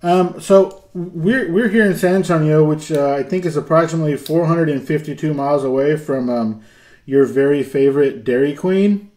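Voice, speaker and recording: A man co-hosting a casual podcast, gently teasing his guest while he asks his questions. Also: a little high, moderate pace. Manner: teasing, easygoing interviewer. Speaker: podcast co-host.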